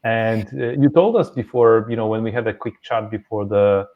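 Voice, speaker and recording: A man's voice: fairly low pitch, moderate pace, phone-quality sound. A man hosting a podcast, speaking in casual conversation and often repeating words as he restarts his sentences. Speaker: podcast host.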